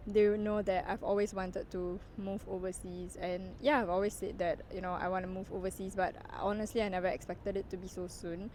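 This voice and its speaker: A woman's voice: mid-range voice, slight background noise, poor audio. Chatty young woman vlogging. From Singapore. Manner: chatty, heavy use of "like" and "you know" fillers; walking around while talking. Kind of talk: casual reflective vlog talk.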